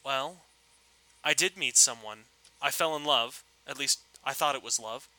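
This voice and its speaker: A wistful woman, as a man reads her part admits she never got over her first love, in soft, hesitant phrases. The voice is bright and tense, recorded dry and close. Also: medium pitch, measured pace, no echo, low-quality recording. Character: wistful woman, mother of two, meeting an old flame.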